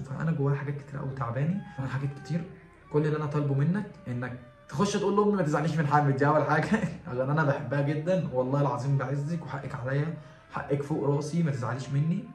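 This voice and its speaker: A young man with an Egyptian Arabic accent talking to his viewers in a heartfelt, halting vlog, repeating himself and restarting often. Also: medium pitch, a little mellow. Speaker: vlogger. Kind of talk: confessional vlog talk to viewers. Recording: echoey room with faint music behind.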